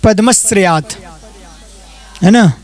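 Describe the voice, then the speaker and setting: A monk leads his students through verses, his voice pitched high for a man. He recites slowly and deliberately, then drops into brisk explanation of each word. The delivery is patient and unhurried overall. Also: soft background music. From India. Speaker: Jain monk teaching a class.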